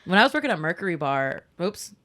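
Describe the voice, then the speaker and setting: A man co-hosting a podcast, with a bright, forceful tone. He tells stories in a lively way and acts out what other people said. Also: high-pitched, fast talker. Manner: animated storyteller, acts out quotes. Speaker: podcast co-host. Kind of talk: casual chat.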